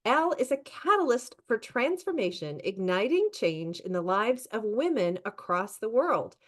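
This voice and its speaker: A woman's voice: on the high side, big pitch swings, normal speed. A woman hosting a podcast interview, introducing her guest with enthusiasm. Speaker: podcast host.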